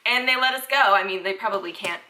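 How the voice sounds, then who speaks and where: Talking fast in a medium-pitched voice, a young Southern woman vlogs about parenting straight to camera, with noise in the background. Her chatty talk is full of "like" and "freaking".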